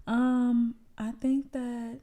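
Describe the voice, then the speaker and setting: Mellow woman podcast co-host. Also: on the high side, level tone, drawn-out words. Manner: agreeable, chatty. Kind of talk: casual relationship chat.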